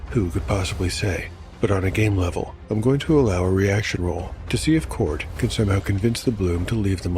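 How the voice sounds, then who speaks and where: A man with a lowish, slightly mellow voice narrates his solo tabletop game, rolling dice aloud and musing reflectively on the results. Music plays in the background.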